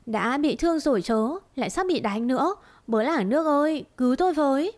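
A woman's voice: fairly high pitch, expressive, quick pace, darkish tone, lightly acted. A woman voicing a mischievous young mistress in a storybook reading, wailing theatrically.

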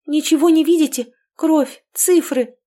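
A woman's voice: sits high, unhurried, dark tone, pitched above the performer's own voice. A woman voicing a frightened young woman who speaks urgently and with agitation in an audiobook. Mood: frantic.

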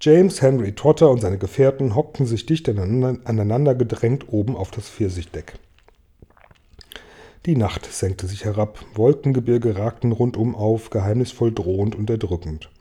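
Dark, husky male storyteller. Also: on the low side. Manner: calm, measured storytelling. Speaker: audiobook reader. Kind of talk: storybook narration read aloud.

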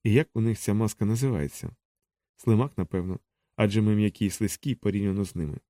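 A man voicing a quiet, thoughtful small boy. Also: fairly low pitch, fast, no echo, clean studio sound, close to an everyday voice. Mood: musing.

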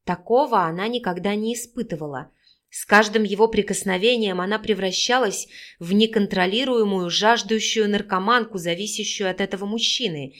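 A woman reading a romance novel aloud as audiobook narrator, with an expressive, steady delivery. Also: mid-range voice, moderate pace.

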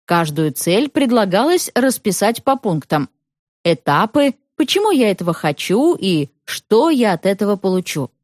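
A woman narrating a storybook in an expressive reading style. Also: mid-range voice, moderate pace, no echo, studio quality.

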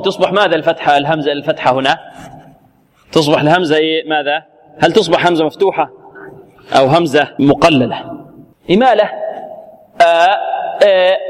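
A male Quran recitation teacher giving a classroom lesson, quizzing students with short questions and stretching out sounds slowly to model pronunciation. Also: high-pitched. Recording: long reverb, hall-like room.

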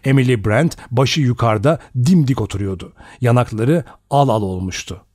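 A man with a mid-range voice narrates an audiobook from a script, measured and expressive in a storytelling manner. The studio-quality recording has no room sound.

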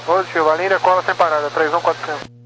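A male pilot over the radio, reading back air traffic instructions in quick, clipped, routine phrases. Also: a little high. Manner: rapid, flat, routine phrasing. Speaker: airline pilot. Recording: noisy radio transmission with static.

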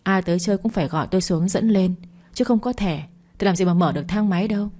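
A woman's voice: mid-range voice, quick pace, mellow, close to an everyday voice. A woman reading as a curt, commanding man. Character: brusque, domineering adult man. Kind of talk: storybook reading.

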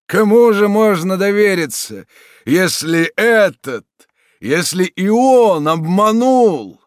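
A man's voice: mid-range voice, measured pace, no room sound, studio quality, voice pushed up, natural voice. A man reading an audiobook voices a grieving, angry marshal searching for his daughters. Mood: furious. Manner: anguished, shouting. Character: grieving middle-aged marshal, a proud angry father.

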